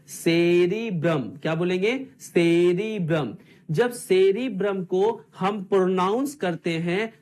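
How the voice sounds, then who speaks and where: A man teaching an online exam-prep class, asking his students the same questions again and again in call-and-response drills. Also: high voice.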